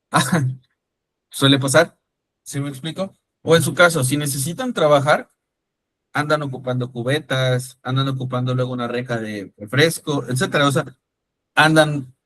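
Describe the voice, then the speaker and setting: An instructor leads an online-style class, chatting conversationally, calling on students by name and often asking "¿sí me explico?" to check they follow. His voice sits on the high side with a fairly bright tone and normal pace. The recording is rough but has no echo.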